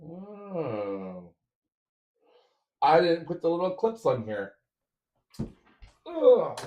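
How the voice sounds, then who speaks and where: A man's voice: fairly high pitch, expressive, fairly quick, lo-fi sound. A man streaming a 3D printer build, chatting casually with viewers while he assembles parts. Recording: roomy echo.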